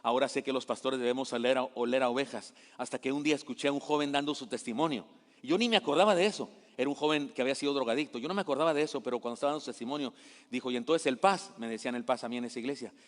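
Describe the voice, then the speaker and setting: A male pastor preaching a sermon in a lively, conversational way, often asking his listeners questions. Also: mid-range voice, rapid-fire. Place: church sanctuary. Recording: echoey church hall.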